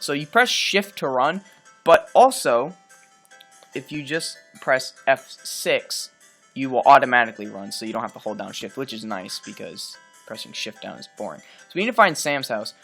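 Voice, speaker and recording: A man's voice: medium pitch, a bit bright. A man hosting a video game let's play, talking casually and rambling through his explanations with lots of fillers. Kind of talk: game commentary. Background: faint game music.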